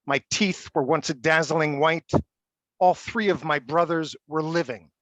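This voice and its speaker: A man with a slightly higher voice reads short prose poems, stumbling over restarts between pieces and settling into an even delivery once he reads. The sound is dry and close, with no room around it. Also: no room sound. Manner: halting and stammering when talking, steady when reading. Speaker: poet and college faculty member. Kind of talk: poetry reading.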